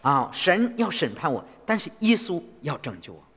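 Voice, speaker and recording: Animated, husky-voiced male sermon interpreter. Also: on the high side, normal speed. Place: church hall. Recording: long reverb of a church hall.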